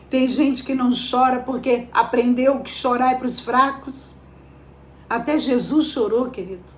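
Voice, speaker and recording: A woman preacher with a high voice delivers a devotional sermon in a reverberant space, speaking emphatically and firing rhetorical questions at her listeners.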